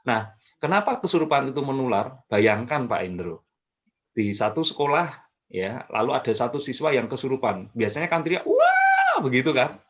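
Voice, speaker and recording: A man explaining a topic calmly as an expert guest, with frequent fillers and self-corrections. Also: mid-range voice, normal speed. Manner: calm, explanatory, many fillers and restarts. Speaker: mental health expert guest. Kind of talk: explanatory talk.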